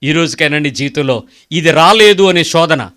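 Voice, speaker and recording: A man's voice: a little high, animated, moderate pace, sharp tone. A man preaching a sermon, emphatic and full of rhetorical questions, acting out prayers and conversations. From India.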